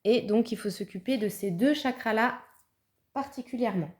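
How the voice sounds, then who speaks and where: A fairly high-voiced woman chats her way through a tarot card reading. She thinks aloud as she goes, with fillers and small laughs, in a relaxed, casual way. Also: normal speed, slight background noise. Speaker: tarot reader.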